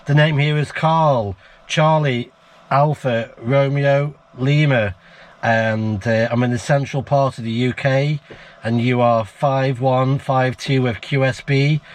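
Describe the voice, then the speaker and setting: On a portable radio outing, this chatty British ham radio operator and vlogger from the UK talks slowly in a medium-pitched, steady voice. His casual vlog commentary mixes with radio contact exchanges, and he spells words using the phonetic alphabet.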